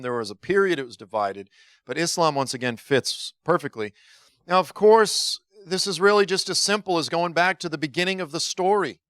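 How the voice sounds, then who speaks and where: Bright, crisp-voiced man giving a casual teaching talk. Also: fairly high pitch, dry recording, clean studio sound. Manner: informal and joking, with frequent restarts and asides. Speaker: guest Bible teacher. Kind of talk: conversational teaching talk to a congregation.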